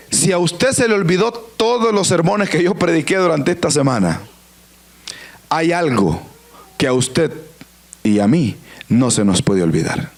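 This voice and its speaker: Man, pastor, sermon in church, high voice, very animated delivery. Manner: dramatic preaching, acting out quoted voices, questions to the congregation.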